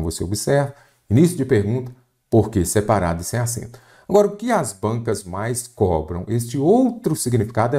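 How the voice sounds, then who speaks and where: A low-voiced man, teaching an online exam prep lesson. His pitch swings up and down a lot as he talks. He keeps putting questions to the students and answering them himself. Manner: animated, asks and answers own questions.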